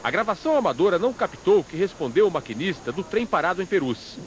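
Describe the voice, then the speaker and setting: Lively high-voiced male news reporter. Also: fast talker, heavy background noise. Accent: Brazilian. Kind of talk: scripted news narration.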